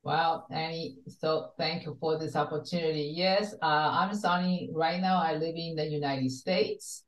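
An older Taiwanese woman, a wellness coach, speaks earnestly as a guest on a video call from her home study, her low voice steady and unhurried. The webcam picks her up from a distance, giving a roomy sound.

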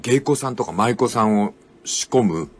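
An older man hosting a radio talk show, commenting on a book in a folksy storytelling way with drawn-out emphatic phrasing. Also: on the low side, animated, a little mellow, a little hiss or hum. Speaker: radio host.

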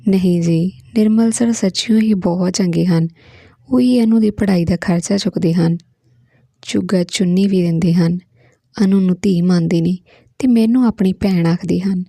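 Meek pleading widow mum, low gravelly voice, woman reading her, dry sound. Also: normal speed, dark tone, no room sound. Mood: humble pleading. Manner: meek, pleading, folded-hands politeness. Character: poor widowed mother, humble and pleading.

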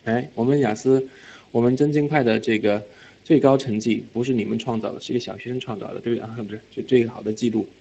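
A man of middling pitch teaches an exam reading class in a brisk, animated way. He keeps checking whether his students follow and slips English terms into his explanations. The recording sounds a little dull and lo-fi. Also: gravelly, a little hiss or hum. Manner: mixes English words into speech. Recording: slightly dull lo-fi lecture audio.

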